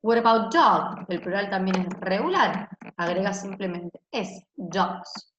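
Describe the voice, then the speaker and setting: A woman's voice: mid-range voice, slow, fairly bright tone. Woman teacher, explaining, keeps asking "ok?", roomy lo-fi recording, faint hiss. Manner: explains in Spanish, tags most lines with "ok?". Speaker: English teacher. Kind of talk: recorded online class explanation. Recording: echoey room, dull lo-fi sound, faint hiss.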